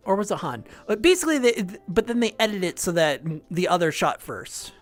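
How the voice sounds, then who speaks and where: A woman's voice: mid-range voice, sing-song, fairly quick. Woman streamer just chatting, lots of laughing, voice jumps around a lot. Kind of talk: casual chat.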